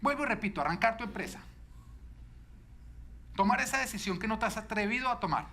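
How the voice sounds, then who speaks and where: A man preaching a sermon as pastor, telling stories with lively shifts into quoted voices. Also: a little fast. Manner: animated storytelling, quoting a child in a high shouting voice.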